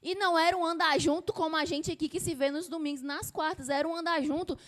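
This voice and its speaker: A woman from Brazil preaching a sermon with emphasis, asking the congregation rhetorical questions and dropping her voice low and slow to act out quoted lines. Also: fairly even intonation, fairly bright tone.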